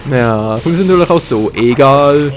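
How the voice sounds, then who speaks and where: A man with a German accent giving excited live commentary over a fighting game, groaning and swearing at his misses. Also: medium pitch, moderate pace. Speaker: gaming commentator. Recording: game music behind. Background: faint game music.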